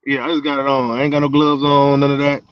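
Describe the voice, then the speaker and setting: A man co-hosting a casual sports podcast from Houston, talking in a laid-back, slangy way and often trailing off quietly. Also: medium pitch, level tone, fast talker, smooth, no room sound, dull audio. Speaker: podcast co-host.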